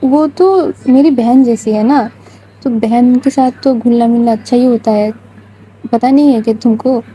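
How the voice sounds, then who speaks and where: A woman's voice: a little high, mellow, breathy edge, low-quality recording. Woman doing bubbly young girlfriend Priya. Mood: protesting. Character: playful young woman in love, bubbly and pleading.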